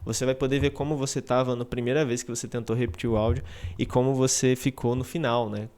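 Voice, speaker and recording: A man gives a relaxed spoken lesson in a mid-range voice. He talks conversationally, checks in with the listener often, and restarts his phrases as he goes. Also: mid-range voice, fast talker. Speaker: English teacher.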